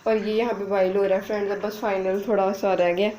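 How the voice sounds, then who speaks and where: Young woman, casual home vlogger, chatty and giggly, mid-pitched voice, faint kitchen noise behind. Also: flat delivery, quick pace, warm tone, low-quality recording. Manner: chatty, giggly, addresses viewers as friends. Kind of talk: casual cooking vlog.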